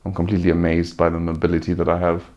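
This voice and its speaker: A man giving a casual, unscripted personal update, sounding subdued and halting, weary and sore-throated after surgery, with a gravelly voice. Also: low-pitched, completely flat delivery, darkish tone, lo-fi sound. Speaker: vlogger giving a recovery update.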